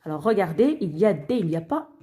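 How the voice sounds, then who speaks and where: A woman's voice: lowish voice, big pitch swings, fast, dark tone. A woman teaching a reading lesson to children, patiently asking questions and praising the answers.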